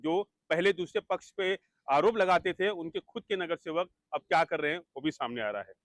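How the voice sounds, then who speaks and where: A man reporting local news and questioning an interviewee, with brisk commentary. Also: fairly high pitch, dry recording. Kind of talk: news narration and field interview.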